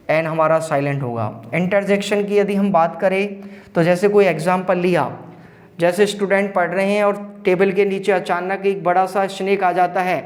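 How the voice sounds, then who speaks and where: A man teaches an online grammar class. His voice sits fairly high for a man. He explains step by step and says each key term twice. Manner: explains slowly, repeating key terms. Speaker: school teacher.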